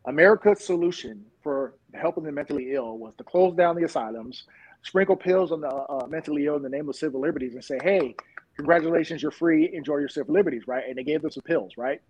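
A police officer guest telling stories in a lively way in an interview. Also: male voice, fairly high pitch, fast talker, lo-fi sound. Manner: lively, laughs at his own stories. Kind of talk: animated storytelling in an interview.

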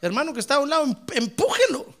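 A man preaching as a pastor in a church, a fiery Pentecostal sermon that swings from quiet asides to shouted exclamations. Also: extremely high pitch, sing-song, quick pace.

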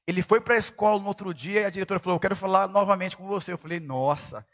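Middle-aged man, pastor, high-pitched and forceful, emphatic sermon delivery. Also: fast. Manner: emphatic preaching, shouting at peaks.

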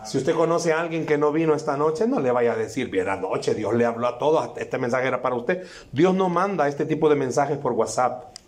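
A man preaching a sermon as a guest preacher at a church service, impassioned and repetitive, rising to shouts. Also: mid-range voice, brisk, reverberant.

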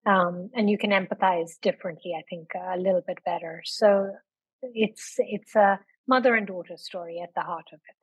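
A middle-aged woman, born in London and raised in India, speaking as a podcast guest in a reflective, measured way with frequent ums over a remote call. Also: on the low side, breathy edge, dry recording, poor audio. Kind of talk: conversational interview.

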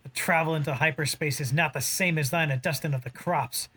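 Man voicing a swaggering space smuggler, boastful old-style verse, slightly high-pitched. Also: fairly quick, sharp tone, slightly rough. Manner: boastful Shakespearean verse delivery. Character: cocky roguish male smuggler captain. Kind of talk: audio drama acting in verse.

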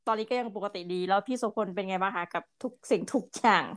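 A young woman co-hosting a casual podcast, lively, chatty and politely friendly. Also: medium pitch, fast talker. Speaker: podcast co-host.

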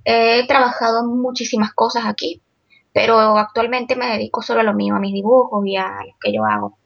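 A young woman from Venezuela, a guest illustrator in a casual interview, chatty and quick-talking. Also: a little high, lively intonation, gravelly, breathy edge, lo-fi sound.

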